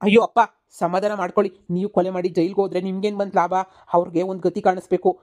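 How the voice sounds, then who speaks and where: A woman voicing a young village man in a cartoon comedy, a scheming son who talks briskly and persuasively. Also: on the low side, level tone, darkish tone, lightly acted.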